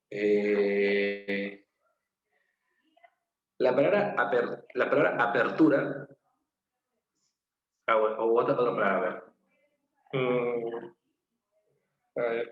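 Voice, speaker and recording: A man with a Peruvian Spanish accent, teaching an online class. He explains patiently, repeats key phrases and checks in with his students. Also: medium pitch. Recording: roomy, slightly dull with faint noise.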